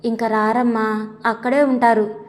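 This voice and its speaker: A woman's voice: fairly high pitch, level tone, unhurried, close to an everyday voice. A woman voicing a grieving, earnest doctor and father in an audio story, speaking in a sorrowful way. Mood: sad. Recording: long echoey reverb.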